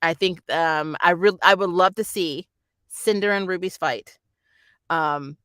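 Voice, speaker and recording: This clip has the same giggly reviewer and channel host, chatting animatedly about a show in casual fan commentary and voicing what characters say. Here the mid-range voice is unhurried, smooth and a bit bright, captured in a clean studio with no echo.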